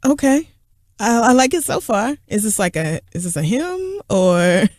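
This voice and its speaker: A woman's voice: fairly high pitch, big pitch swings, a little slow, a little mellow, no echo, clean studio sound. A woman co-hosting a podcast, teasing and laughing in casual chat. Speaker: podcast co-host.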